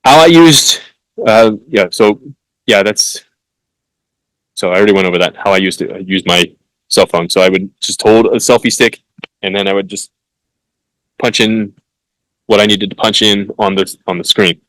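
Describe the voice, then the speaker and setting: A man hosting a solo podcast, reading passages haltingly with fillers and restarts, then breaking off into blunt, hectoring asides with some swearing. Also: on the low side, fairly bright tone, no echo, rough recording. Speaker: podcast host.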